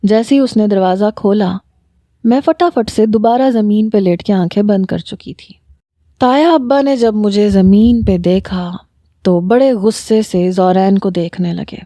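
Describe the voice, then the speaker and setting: A woman narrating a romantic story in the first person with a steady, dramatic reading. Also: mid-range voice, no echo, clean studio sound.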